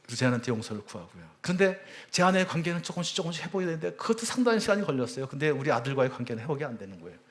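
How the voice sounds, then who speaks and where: A church elder in his fifties tells his testimony to a congregation. He speaks earnestly, climbing high when moved and falling to a soft near-whisper at tender points. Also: very animated, very fast, few pauses. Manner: earnest storytelling, voice swelling high on emotional peaks; drops to a hushed near-whisper at tender moments. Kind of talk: personal testimony talk.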